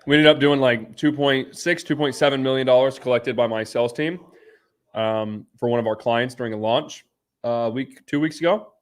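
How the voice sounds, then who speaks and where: A man's voice: mid-range voice, moderate pace. Casual, blunt male live streamer. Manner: informal, blunt, bro-style slang.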